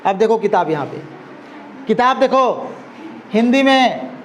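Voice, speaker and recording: A man teaching an Urdu class, explaining slowly and often checking that his students follow. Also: sits high, animated, a little hiss or hum. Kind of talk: classroom lesson.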